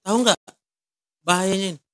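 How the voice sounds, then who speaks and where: A man's voice: high-pitched, steady tone, a little fast, bright, forceful tone, clean tone, no room sound. A man, counseling someone one-on-one and asking many short, direct questions. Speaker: counselor in a ministry.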